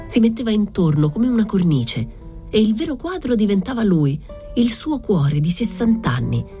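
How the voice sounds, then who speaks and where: A woman narrating a literary novel aloud in a measured, reflective way. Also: mid-range voice, dark tone. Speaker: audiobook reader.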